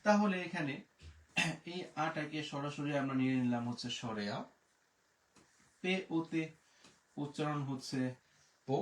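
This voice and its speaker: A man teaching French pronunciation in a live online lesson, spelling words out letter by letter and repeating each word slowly. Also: on the high side. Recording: echoey room, distant mic.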